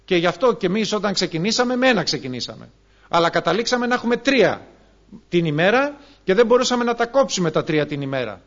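A man preaching a sermon who calls his listeners brothers and moves between quiet asides and emphatic, rising passages. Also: high-pitched, sing-song, lo-fi sound. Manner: addresses listeners as brothers, swings from hushed to emphatic.

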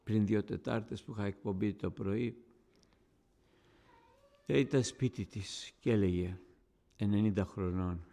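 A man preaching a sermon to his congregation, fervent and rising to loud, passionate calls. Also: on the low side, gravelly, pauses often. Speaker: radio broadcaster.

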